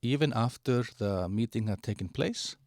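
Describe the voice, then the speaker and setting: A man giving a halting walkthrough of an online platform, with many fillers and restarts. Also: mid-range voice, expressive, a little mellow, dry recording, clean studio sound. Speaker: presenter of a digital platform. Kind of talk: screen-share product walkthrough.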